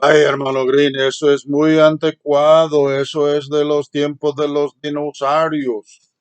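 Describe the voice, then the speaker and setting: A man's voice: on the high side, monotone, unhurried, clean tone, lightly acted. A man voicing a scoffing skeptical churchgoer. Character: imagined skeptical churchgoer scoffing at old teaching.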